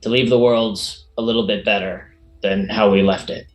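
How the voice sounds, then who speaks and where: Gruff old fisherman type, acted by a man, lowish voice, earnest and courtly, roomy recording, for a tabletop adventure. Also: fairly even intonation, normal speed, lightly acted. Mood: humble, grateful. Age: older. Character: gruff, sentimental old sea dog sailor, male.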